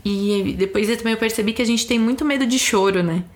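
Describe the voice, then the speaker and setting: A young Brazilian woman with a fairly high voice talks through parenting as a mother, thoughtful and unhurried. She keeps slipping into the soft lines she says to her little child. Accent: Brazilian Portuguese. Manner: thoughtful, explains with examples, acts out things said to a child. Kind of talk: casual chat.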